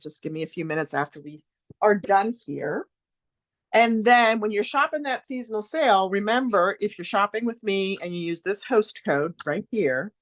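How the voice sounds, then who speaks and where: A chatty, upbeat woman with a somewhat low voice hosts a casual craft class on a live stream. She rambles from one aside to the next with plenty of fillers and stops to greet viewers by name.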